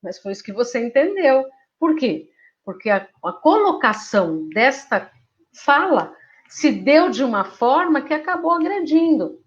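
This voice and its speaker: High-voiced woman giving a talk. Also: lo-fi sound. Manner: conversational, asks rhetorical questions. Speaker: spiritist speaker. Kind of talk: devotional talk.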